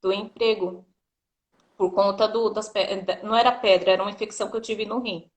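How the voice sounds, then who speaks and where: Speaking fairly quickly at a medium pitch, a woman who works as a doula recounts a personal story as an interview guest. She keeps acting out the dialogue she quotes, narrating with energy and dropping "né" often.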